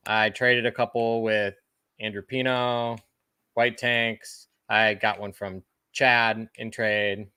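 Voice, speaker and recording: A man co-hosting a casual podcast chat, easygoing and trailing off softly at the ends of his phrases. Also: on the low side, flat delivery, slow, clear, resonant tone, dry recording. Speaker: podcast co-host.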